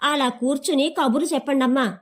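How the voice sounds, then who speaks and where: A woman's voice: sits high, fairly even intonation, a little fast, close to an everyday voice. A woman voicing a cheerful young village maidservant who speaks in a rustic dialect, chatty and deferential. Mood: teasing, chatty.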